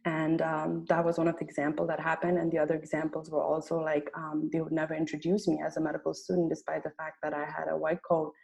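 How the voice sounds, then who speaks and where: Brief: woman, medical student, earnest and halting, low flat voice with some fry, video call. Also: low-quality recording. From Nepal. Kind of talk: personal story on a video call.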